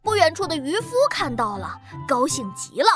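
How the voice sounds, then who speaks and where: A woman narrating a children's story in a gentle, expressive way. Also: high voice, over music. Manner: gentle, expressive, slow-paced.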